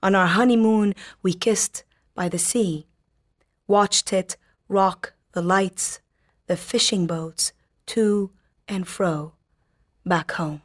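A woman in her thirties, a poet from Lebanon, answers interview questions and reads her work. Her voice sits at a middling pitch and she speaks softly, sometimes hesitating. Her readings are slow and quiet. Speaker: poet guest.

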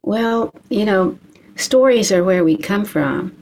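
A middle-aged woman from Kentucky, a poet reading her work slowly and then answering interview questions in a measured way. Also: mid-range voice, lively intonation, a little mellow, a little hiss or hum, low-quality recording. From Eastern Kentucky. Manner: slow, measured reading with deliberate pauses.

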